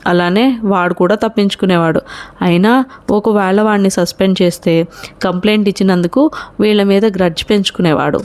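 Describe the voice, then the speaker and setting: A woman's voice: medium pitch, fairly even intonation, a little fast, darkish tone, close to an everyday voice. Woman voicing a hot-headed young college guy. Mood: angry. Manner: gruff, threatening.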